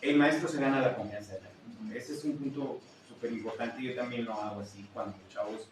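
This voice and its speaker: A man's voice: mid-range voice, fairly even intonation, brisk, recorded from a distance. A man, a secondary-school teacher, speaking earnestly in casual chat. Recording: roomy echo, away from the mic, faint noise.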